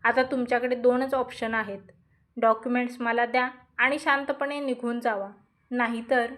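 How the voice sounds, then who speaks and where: A woman's voice: fairly high pitch, level tone, moderate pace, fairly bright tone, lightly acted. A woman voicing a ruthless male businessman villain who speaks in cold threats. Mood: menacing.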